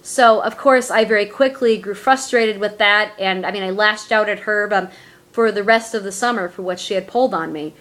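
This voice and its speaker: A young adult woman telling a personal story in her vlog, earnest and halting, with many fillers. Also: medium pitch, fairly bright tone. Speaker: vlogger.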